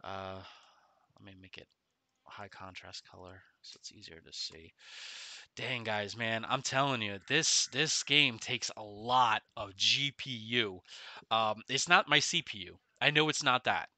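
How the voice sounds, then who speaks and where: A man's voice: fairly low pitch, unhurried, pushed and bright. A middle-aged man chatting casually on a gaming livestream, talking a little oddly with his face half numb from the dentist. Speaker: game streamer. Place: small room at home, indoors.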